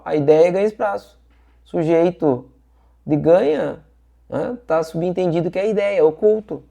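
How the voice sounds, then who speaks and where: Gravelly-voiced man teaching a lesson. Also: fairly high pitch, warm tone. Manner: chatty, repeats points with frequent "tá?" and "ó". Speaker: exam prep teacher. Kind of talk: casual online lesson.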